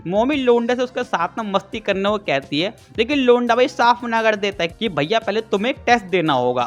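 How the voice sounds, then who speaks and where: A man narrating a comic recap in a cheeky, crude way, talking straight to his viewers. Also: sits high. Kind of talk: casual comic story recap.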